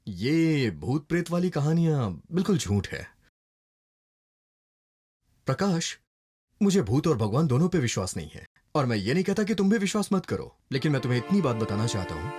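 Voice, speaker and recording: A man's voice: mid-range voice, a little mellow, husky. An actor dubbing a confident male police investigator who lectures patiently and slips English phrases into his speech. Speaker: police officer. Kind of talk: dubbed film dialogue. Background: film score music.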